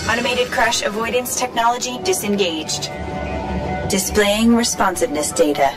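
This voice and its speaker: A woman voices an efficient female onboard computer for a ride vehicle. The voice is fairly high, announcing systems in clipped, procedural phrases. Loud music runs behind it. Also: moderate pace, close to an everyday voice.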